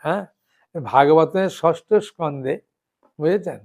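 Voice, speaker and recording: A man, a monk preacher, giving a devotional sermon, often checking that his listeners understand and reciting names slowly one by one. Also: a little high, a little mellow. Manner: keeps asking listeners "understood?".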